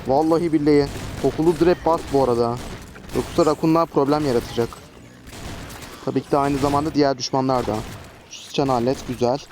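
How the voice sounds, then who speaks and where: A man's voice: medium pitch, steady tone, fairly quick, darkish tone. A man giving casual, chatty gameplay commentary as a gaming host, often exasperated and cursing at enemies. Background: traffic noise.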